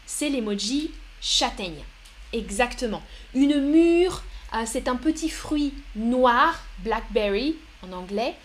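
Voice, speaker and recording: A woman teaching French on a live stream, explaining patiently and greeting viewers in the chat. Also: fairly high pitch. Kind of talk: live-streamed language lesson.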